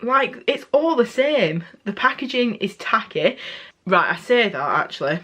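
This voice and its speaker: A woman's voice: on the high side, sing-song, a little slow, a bit bright, slightly rough. A young woman beauty vlogger giving a casual, candid product review, often correcting herself mid-sentence.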